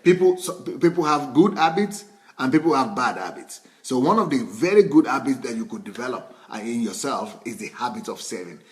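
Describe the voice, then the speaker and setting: Nigerian man, middle-aged pastor, talking sermon, restarts and repeats words, mid-pitched voice.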